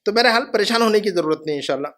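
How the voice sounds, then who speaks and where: A middle-aged man with a high voice leads a classroom lesson. He speaks patiently and repeats each phrase slowly so his students can follow along. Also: animated, fairly bright tone. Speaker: Arabic teacher.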